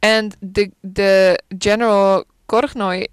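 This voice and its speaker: A woman's voice: mid-range voice, slow pace, clear, resonant tone, no echo. Chatty woman rambling about a movie, lots of likes and ums, dry close mic. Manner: chatty, animated, frequent fillers and asides. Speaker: film commentator. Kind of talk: casual solo chat.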